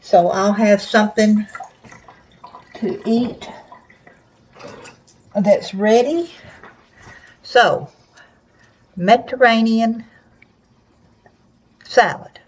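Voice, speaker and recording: An older woman with soft, slightly slurred toothless speech, chatting casually to camera in a folksy, plain-spoken, rambling way in her kitchen. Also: mid-range voice, drawn-out words, pauses often, slightly rough, highs cut off. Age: older, 60s or above. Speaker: home cooking vlogger. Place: small home kitchen, indoors.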